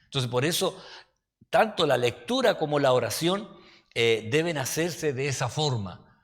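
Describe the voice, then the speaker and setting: Un pastor con acento chileno que da un estudio bíblico en tono de charla, con anécdotas y preguntas como "¿ya?" a los oyentes. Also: male voice, a little high, lively intonation, measured pace. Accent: Chilean Spanish. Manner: folksy, anecdotal, asks listeners "¿ya?". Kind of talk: conversational Bible-study sermon. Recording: reverberant hall.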